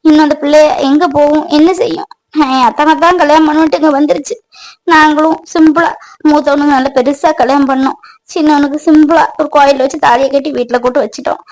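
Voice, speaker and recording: A woman's voice: high voice, fairly even intonation, fast talker, darkish tone, rough recording. A woman voicing a firm, reproachful middle-aged mother in a cartoon family drama. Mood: explaining.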